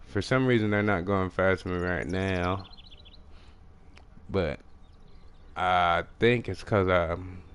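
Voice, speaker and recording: A young man with a country Texas accent who talks fast and mumbles, casually commenting on a fishing game he is playing. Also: low voice, a bit bright, smooth. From Texas, USA. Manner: fast mumbling talk with restarts. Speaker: gaming streamer.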